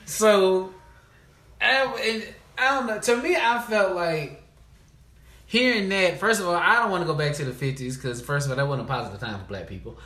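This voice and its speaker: A man's voice: high-pitched, moderate pace, pushed and bright, roomy sound. A man co-hosting a podcast in casual chat, talking in a laid-back, rambling, jokey way. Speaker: podcast co-host.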